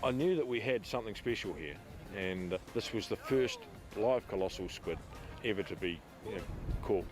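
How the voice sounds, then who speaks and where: Plain-spoken low-voiced seaman over music. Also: expressive, normal speed. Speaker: fishing crew interviewee. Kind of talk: informal documentary interview recollection. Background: background music.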